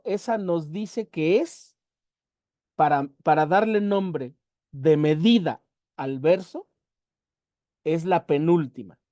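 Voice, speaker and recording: Teacher, warm mellow tone, patient syllable-by-syllable explainer. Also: medium pitch, no room sound, clean studio sound. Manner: methodical, spells out syllables slowly with emphasis. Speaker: literature workshop teacher. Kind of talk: explanatory lecture.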